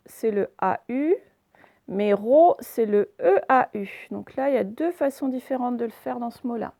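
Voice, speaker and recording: A woman teacher giving a recorded phonics lesson for young children, saying words slowly and over-articulating them, with repetitions and fillers. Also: a little high, gravelly, mellow. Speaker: primary school teacher.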